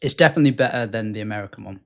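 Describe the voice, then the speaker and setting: A man's voice: fairly low pitch, very fast, vocal fry, background noise. A British man, a fitness coach, chatting casually in a laid-back, joking way. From United Kingdom. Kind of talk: casual chat.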